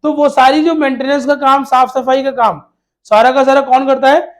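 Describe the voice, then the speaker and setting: A man with a very high-pitched voice teaches an exam-prep lesson to children. He fires off questions and answers them himself, repeating the key words. He calls his students "beta" in a fatherly way. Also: level tone, moderate pace.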